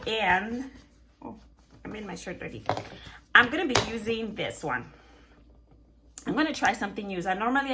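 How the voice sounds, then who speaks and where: A medium-pitched, bright and forceful female voice belongs to a vlogger in her thirties. At home detangling her hair, she chats and jokes to camera with a Ghanaian, Italian, British and American blended accent, laughing often and asking her audience questions.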